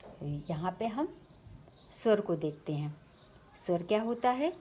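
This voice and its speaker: A woman teaching a Hindi grammar lesson, speaking slowly and deliberately, repeating each definition and lifting her voice on headings and questions. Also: big pitch swings, mellow, slight background noise. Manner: lifts pitch on headings and questions. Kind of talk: slide-based grammar lesson.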